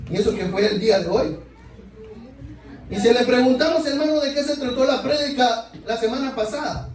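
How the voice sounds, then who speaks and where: Male preacher, very high voice, heard from a distance in a reverberant sanctuary, sermon delivery full of "brothers" and questions. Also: darkish tone. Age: adult. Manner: keeps addressing listeners as brothers, asks rhetorical questions. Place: church sanctuary. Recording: echoey church, mic far off.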